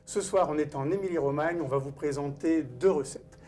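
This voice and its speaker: A man hosts a live-streamed cooking event in a cooking school's studio kitchen, greeting viewers and presenting the guest chef in a formal emcee manner; he is an event host and wine author. His voice runs on the high side, a little mellow, at normal speed, with slight background noise.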